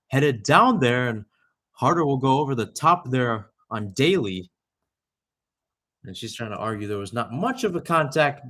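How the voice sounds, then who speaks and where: A young adult man calls a live soccer match play-by-play in radio style, frequently correcting himself and drifting into chatty asides. His voice is mid-range with a fairly bright tone.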